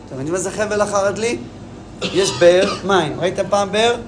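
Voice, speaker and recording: High-voiced man teaching a story. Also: noisy background. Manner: lively, asks the class questions. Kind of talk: storytelling lesson to students.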